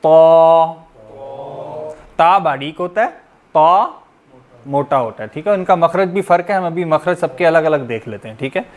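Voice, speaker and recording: A man's voice: on the high side, expressive, fast, few pauses. A man teaching tajweed to a class, patiently explaining and demonstrating each letter sound. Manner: patient, explanatory, often checking in with "theek hai".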